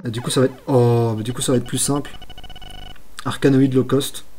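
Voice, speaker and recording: Over soft background music, a man streams old games and comments live at a slightly fast pace. His medium-pitched voice turns excitable as he exclaims at mistakes, talks to himself, and jokes about himself.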